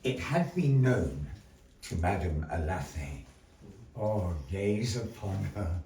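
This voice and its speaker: Speaking slowly in a low, mellow voice with big pitch swings, a man fronts a puppet show as a showy, old-fashioned master of ceremonies. He tells stories theatrically to a live audience at a gallery. It's captured from a distance, roomy and with background noise.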